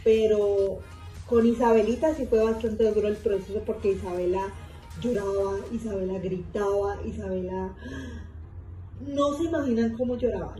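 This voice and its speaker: Dramatic storytelling woman, mellow voice. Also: on the high side, low-quality recording. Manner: repetitive, circling back on words; emotional, dramatic retelling. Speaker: narrator of a fan story. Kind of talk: first-person storytelling monologue.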